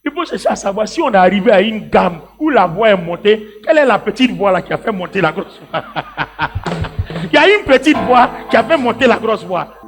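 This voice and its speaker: A man preaches to his congregation. He drops to quiet asides, then rises to shouted exhortation. Faint music plays behind him. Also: high voice, normal speed. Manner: animated, swings from hushed asides to shouted exhortation; talks directly to the congregation with many "hein" and "là" tags. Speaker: evangelist preacher. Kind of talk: sermon.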